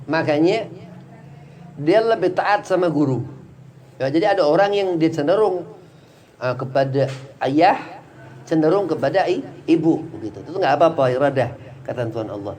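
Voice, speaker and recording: A man's voice: a little high, animated, moderate pace, long pauses, a little mellow, a little hiss or hum. Chatty man teaching a religious study class. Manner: chatty, digressive explaining with many "nah" and "ya" fillers.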